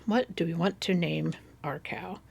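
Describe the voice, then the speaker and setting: Middle-aged woman rambling thru her game build, kinda low voice, chatty. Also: a little slow, gravelly, a little mellow, husky. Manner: chatty, rambling, coaxing baby talk to animals. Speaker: gaming YouTuber. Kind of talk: casual gameplay commentary.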